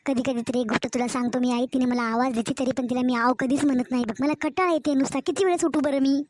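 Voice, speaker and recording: A woman's voice: sits high, steady tone, darkish tone, close to an everyday voice. A woman voicing a scheming, sweet-talking young married daughter in a cartoon story, chatty and coaxing. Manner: chatty, coaxing, drawn-out village-style talk.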